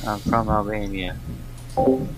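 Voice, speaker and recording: A man's voice: lowish voice, fairly even intonation, unhurried, over loud music, poor audio. A man on a group voice chat, teasing the host and repeating silly catchphrases. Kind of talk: casual chat with friends.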